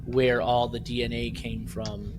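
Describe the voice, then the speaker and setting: With a medium-pitched, level voice and a slightly slow delivery, this man hosts a podcast with music playing behind him and clear background noise. He recaps an audio drama in a loose, rambling way, frequently adding "right?"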